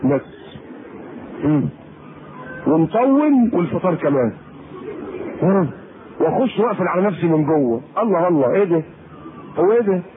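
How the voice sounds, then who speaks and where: Egyptian male preacher, playful and animated, on a thin phone-like lecture recording. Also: on the high side, moderate pace, pauses often. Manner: lively, teasing, acts out quoted people. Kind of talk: colloquial sermon to women. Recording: tinny phone-like lecture tape with faint hiss.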